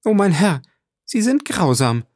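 A man's voice: medium pitch, expressive, moderate pace, creaky, dark tone, no echo, studio quality, pitched above the performer's own voice. A man voicing a pleading, grateful young woman. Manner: pleading and emotional.

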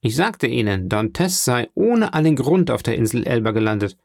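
A man's voice: mid-range voice, very animated, normal speed, vocal fry, a little mellow, no echo, clean studio sound. A man reading an audiobook and voicing a scheming, cunning male accountant in a sly, insinuating manner.

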